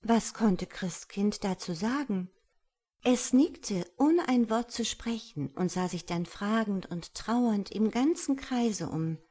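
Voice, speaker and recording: A woman reading a Christmas fairy tale aloud in an expressive, lilting manner. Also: mid-range voice, slow. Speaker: storyteller. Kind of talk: storybook reading.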